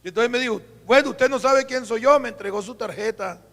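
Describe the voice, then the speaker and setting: A Colombian man preaching as a pastor, telling a story with acted-out dialogue and dropping to a hush for quoted voices. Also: very high-pitched, fairly quick. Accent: Colombian Spanish. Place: church. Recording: live church recording, long hall reverb.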